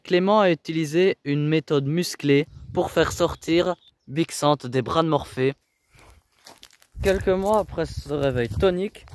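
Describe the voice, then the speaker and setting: Guy doing punchy reality show voice-over, kinda high voice, leans hard on words. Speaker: narrator.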